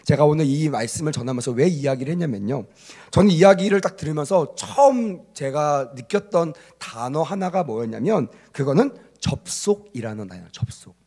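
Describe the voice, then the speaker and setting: A man's voice: fairly high pitch, lively intonation, normal speed, warm tone, slightly rough. A male pastor preaching a sermon to a young adult congregation, telling a story and acting out its characters with emphasis. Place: church service.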